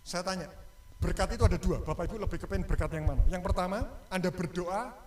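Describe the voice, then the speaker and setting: A male pastor, preaching a lively sermon and joking with the congregation and asking them questions. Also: sits high, fast, a little hiss or hum. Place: church. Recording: echoey church hall.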